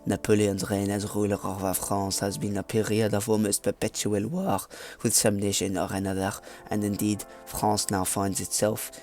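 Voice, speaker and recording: A man's voice: fairly low pitch, little pitch movement, normal speed, few pauses, a little mellow, faint music behind, natural voice. A man putting on a mock French accent to read a game story. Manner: hammy, stumbling over words while reading aloud.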